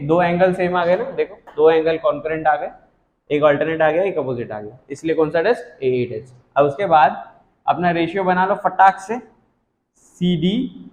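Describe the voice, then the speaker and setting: A young man teaching a math lesson, chatty and reassuring, teasing his students as he works sums aloud. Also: high voice. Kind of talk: casual whiteboard math lesson. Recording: echoey room, dull lo-fi sound.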